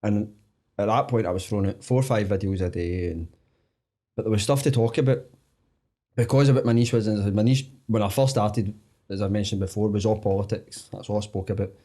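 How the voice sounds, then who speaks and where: A man's voice: on the low side, fairly even intonation, a little fast, dark tone. A Scottish man guesting on a podcast, telling his story bluntly in casual chat. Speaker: guest, social media creator.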